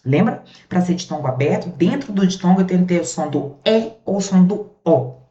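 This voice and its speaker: A Brazilian woman teaching a grammar lesson in a chatty, lively way, drawing out the words she stresses. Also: lowish voice, brisk, faint music behind. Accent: Brazilian Portuguese. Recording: muffled, echoey room.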